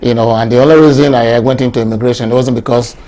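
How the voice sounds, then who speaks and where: A man's voice: mid-range voice, fast. A middle-aged man from Nigeria, a lawyer, being interviewed, talking easily with many fillers. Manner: relaxed, many fillers like "you know" and "um".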